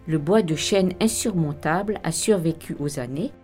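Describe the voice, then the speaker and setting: Woman, low voice, scripted legend narration, calm even delivery, soft music behind. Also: moderate pace.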